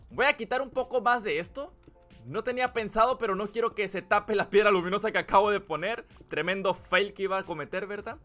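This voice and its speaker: A man's voice: sits high, sharp tone. A man with a Mexican accent, thinking aloud in casual gameplay commentary while he builds. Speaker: gaming channel host.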